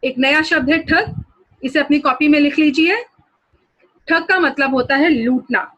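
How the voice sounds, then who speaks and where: A woman's voice: sits high, unhurried, sharp tone. A woman teacher explaining a story lesson to students, guiding them through pictures and new words.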